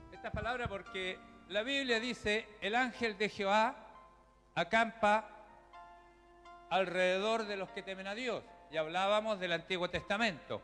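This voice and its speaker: A man's voice: sits high, fairly bright tone. A man preaching a sermon as pastor, explaining to the congregation in a chatty, direct way. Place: church hall. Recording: reverberant church hall with music.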